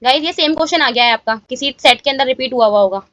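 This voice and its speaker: High-voiced woman teaching maths step by step. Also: quick pace, fairly bright tone, dry recording, dull audio. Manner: talks students through each step with repeated check-in questions. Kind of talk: exam-solution walkthrough lesson.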